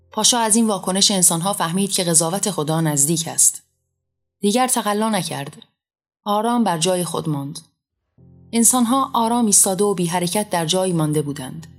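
A woman narrating a story in a measured, solemn reading style. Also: deep voice. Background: faint music.

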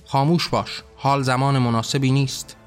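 A man's voice: medium pitch, flat delivery, faint music behind, close to an everyday voice. A man voicing a stern male angel who snaps curt, scolding orders in a storybook reading.

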